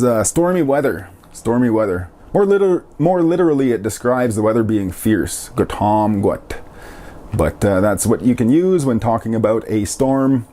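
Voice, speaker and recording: A man giving a casual language lesson, repeating each word slowly and joking lightly as he explains. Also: medium pitch, dark tone. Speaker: language teacher.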